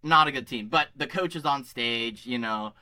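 A man's voice: medium pitch, normal speed, sharp tone. A man co-hosting a podcast, chatting casually and telling a rambling, self-deprecating story. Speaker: podcast co-host. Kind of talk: casual chat.

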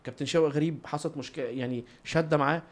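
This interview guest, a footballer with an Egyptian Arabic accent, races through animated anecdotes in a highish voice with fairly even intonation. As he goes, he performs bits of dialogue and sound effects.

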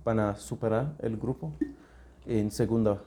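On a podcast he co-hosts, a man from England chats casually in hesitant learner's Spanish, slipping in English words, his English accent showing as a native English speaker. His voice sits on the low side with a dark tone.

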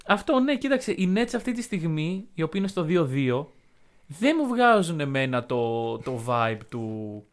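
A man co-hosting a podcast in casual basketball chat, easygoing and quick to agree. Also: fairly high pitch, very animated. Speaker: podcast co-host.

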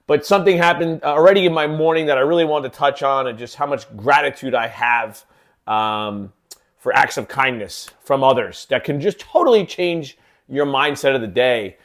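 A man's voice: mid-range voice, normal speed, fairly bright tone. A man hosting his own podcast in a casual solo talk, rambling with many fillers and restarts. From living in Kansas City. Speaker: podcast host.

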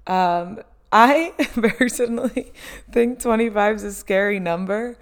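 A woman's voice: mid-range voice, measured pace. A woman, hosting a casual solo chat and talking with many "um"s and "like"s. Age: 20s. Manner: chatty, lots of "um" and "like", laughs often. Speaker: podcast host.

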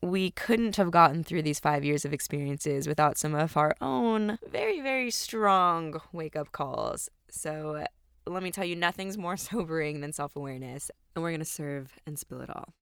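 A woman co-hosting a podcast in casual, bantering chat, speaking with animated emphasis from inside a walk-in closet. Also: low voice, moderate pace, gravelly, smooth. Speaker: podcast co-host. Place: walk-in closet in a small apartment.

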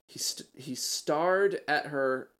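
A woman co-hosting a comedy podcast, reading fan fiction aloud with deadpan delivery and wry asides. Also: low-pitched, slow pace. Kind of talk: casual comedic read-aloud.

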